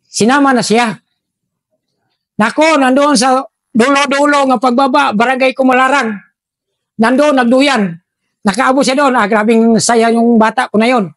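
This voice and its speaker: Dry-voiced soldier telling stories. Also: male voice, extremely high pitch, moderate pace, pauses often, dry recording. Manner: animated, switches voices for quoted people. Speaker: retired army officer telling war stories. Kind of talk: storytelling, acting out dialogue.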